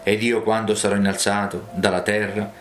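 A man reading the words of Jesus as a calm, earnest adult male teacher. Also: fairly low pitch, normal speed, natural voice. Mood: solemn. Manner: solemn, earnest. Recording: roomy, with faint music.

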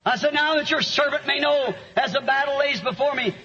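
A man, preaching a sermon with an interpreter and telling stories that rise to shouts. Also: very high-pitched, moderate pace, a little hiss or hum. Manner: storytelling, rising to shouts. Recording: dull lo-fi sermon recording.

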